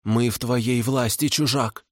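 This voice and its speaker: A man's voice: medium pitch, steady tone, unhurried, dry recording, studio quality, pitched above the performer's own voice, natural voice. A man voicing a desperate old female swamp spirit who shrieks and hisses. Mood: submissive. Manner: shrieking and hissing.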